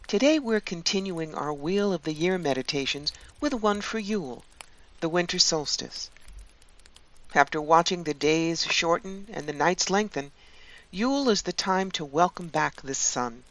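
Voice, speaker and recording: A woman hosting her channel and leading a guided meditation in a calm, soothing voice. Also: low voice. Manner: slow, calm, soothing delivery with long pauses.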